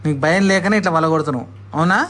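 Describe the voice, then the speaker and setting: A man's voice: fairly high pitch, rapid-fire, a bit bright. A father, chatting at home with his toddler, coaxing and scolding by turns and repeating words for her. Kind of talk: casual family chat with a toddler.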